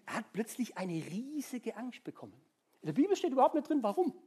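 A husky-voiced preacher gives an informal sermon. The pitch swings widely as the story is told with little sighs and sound effects. Nearly every sentence ends in a questioning "ja?" aimed at the congregation. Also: sing-song, a little fast, warm tone.

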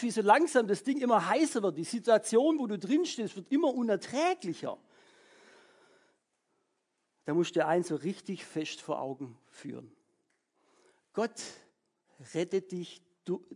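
A preacher giving a lively, casual sermon, keeping the listeners engaged with frequent check-in questions. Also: medium pitch, slightly rough. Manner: animated, keeps checking in with "ja?".

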